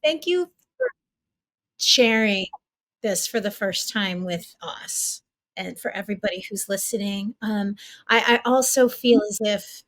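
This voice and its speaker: A woman's voice: mid-range voice, a little slow, fairly bright tone. A woman hosting a podcast in a casual, reflective conversation, speaking in an appreciative, supportive manner. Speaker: podcast host.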